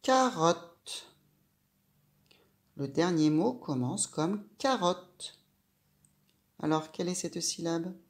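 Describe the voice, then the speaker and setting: Lady teacher going real slow, sounding out syllables for a little kid, low voice. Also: darkish tone. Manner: slow, clear, syllable by syllable, addressing the child directly. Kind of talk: reading lesson for young children.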